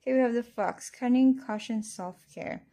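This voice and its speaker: A woman's voice: on the high side, moderate pace, warm tone. A woman giving a casual tarot reading, speaking to the listener as a fortune teller. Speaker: tarot card reader.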